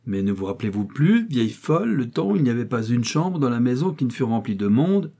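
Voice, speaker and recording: A testy old gentleman of wealth barks orders and loses patience quickly, as a man reads him aloud. The voice stays dark and mellow, in the manner of a storybook reading. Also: medium pitch, sing-song, vocal fry. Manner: commanding and impatient. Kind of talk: audiobook character reading.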